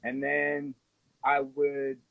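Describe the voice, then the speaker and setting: A man in his late thirties from the United States, a musician talking through his life story in a relaxed, rambling way, on a phone during a live video call. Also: medium pitch, very slow, no room sound. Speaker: guest musician. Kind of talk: casual interview chat. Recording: tinny phone-line audio, dry.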